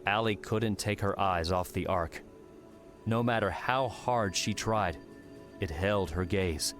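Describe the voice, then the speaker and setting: Taking his time, a man with a somewhat deep, slightly bright voice narrates a dramatic adventure audiobook. He reads the scripted prose like a storyteller while music plays clearly in the background.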